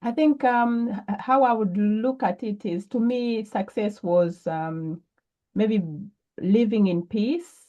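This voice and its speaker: A woman's voice: on the high side, slow, warm tone, highs cut off. A woman from Zambia, a guest entrepreneur, answering interview questions thoughtfully with frequent ums and restarts.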